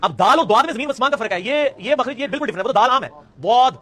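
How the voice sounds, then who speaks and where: A man teaching an online class, calling on students by name and loudly repeating sounds for them to copy. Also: very high-pitched, lively intonation, rapid-fire, a little hiss or hum.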